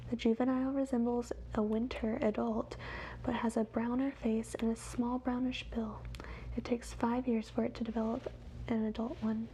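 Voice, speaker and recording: A woman whispers wildlife facts in a soft, measured ASMR reading, as quietly as someone watching animals. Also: fairly high pitch, slight background noise, rough recording. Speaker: ASMR host.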